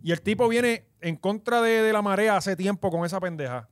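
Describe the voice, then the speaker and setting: A man's voice: high voice, brisk, clear, resonant tone, dry recording, clean studio sound. A man with a Puerto Rican accent hosting a podcast, joking and swearing freely in casual chat. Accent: Puerto Rican Spanish. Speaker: podcast host.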